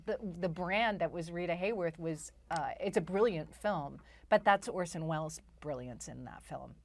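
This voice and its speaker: Lively woman guest, dry close sound. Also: lowish voice, normal speed, gravelly, no echo. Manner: enthusiastic, frequent restarts. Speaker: guest performer. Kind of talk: casual interview chat.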